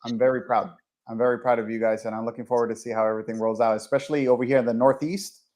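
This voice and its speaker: A man's voice: medium pitch, fairly even intonation, rapid-fire, darkish tone. Guy hosting a podcast chat, upbeat and encouraging, regular mid voice. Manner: enthusiastic, encouraging. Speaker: podcast host. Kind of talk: casual conversation.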